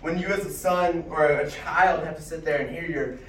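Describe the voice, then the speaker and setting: A man's voice: on the high side, normal speed, fairly bright tone, a little hiss or hum. A man giving a casual Bible teaching, retelling the story in a chatty way with many restarts and fillers. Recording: roomy echo, distant mic, faint ambience.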